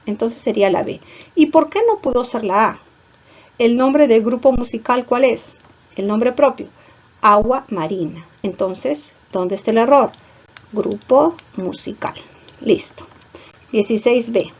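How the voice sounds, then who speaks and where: Woman teacher, high voice, explains step by step, dull lo-fi recording. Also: a little mellow. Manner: explains step by step, often checks with "¿ya?". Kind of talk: online class lecture.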